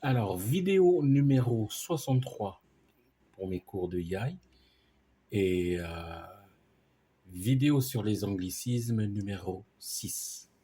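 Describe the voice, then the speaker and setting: A man's voice: lowish voice, lively intonation, takes it slowly, dark tone, husky. A man teaching a language lesson, explaining words patiently and spelling them out letter by letter.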